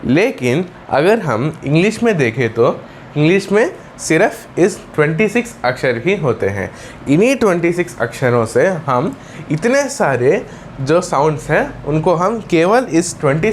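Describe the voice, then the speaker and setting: A man teaching a lesson who asks questions and answers them himself, repeating his phrases. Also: a little high. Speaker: English teacher. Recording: echoey room, far from mic, faint noise.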